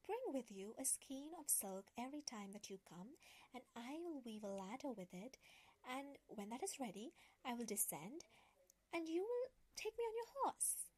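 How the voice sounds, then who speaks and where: Lady doing rapunzel for a bedtime story, young and hopeful, voice lifts up high. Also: very animated, moderate pace, darkish tone.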